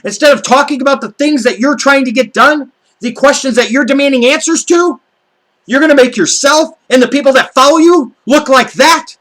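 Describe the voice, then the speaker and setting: A man's voice: very high voice, moderate pace, a bit bright, poor audio. An American man delivering an angry, profane political rant to camera, stressing his words heatedly. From United States. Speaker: video blogger.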